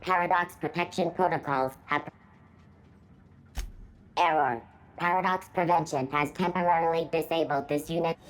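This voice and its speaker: Glitching robot, female, low voice, flat clipped error announcements, as a woman acts it out, video game. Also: moderate pace, long pauses, faint music behind, natural voice, poor audio. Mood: malfunctioning.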